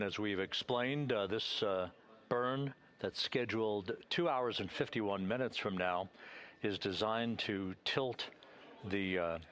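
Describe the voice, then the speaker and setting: A man giving live spaceflight commentary from mission control in a halting, explanatory way. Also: lowish voice, a bit bright.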